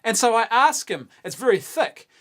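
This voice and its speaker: A man's voice: very high voice, big pitch swings, moderate pace, a bit bright. A man, co-hosting a casual debate, arguing his point earnestly and insistently, with stumbling restarts. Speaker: co-host.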